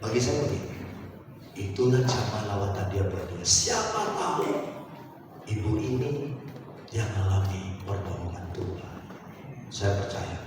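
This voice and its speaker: A male pastor telling a story in a sermon to his congregation, then rising into loud exhortation. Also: deep voice, moderate pace, pauses often. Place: large church hall. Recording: echoey hall from far off, noisy.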